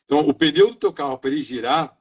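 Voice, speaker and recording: A man's voice: fairly high pitch, lively intonation, quick pace, husky. A middle-aged man from Brazil, a maintenance engineer, talking earnestly in a casual live interview, stringing his thoughts together loosely. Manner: earnest, talks in loose chains of "então" and "né".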